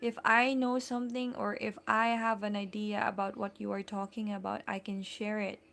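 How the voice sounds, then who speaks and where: A woman's voice: medium pitch, flat delivery, moderate pace, creaky, fairly bright tone. A woman with a Filipino accent hosting a casual live stream from home, chatty and full of fillers as she greets and thanks viewers by name. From Philippines.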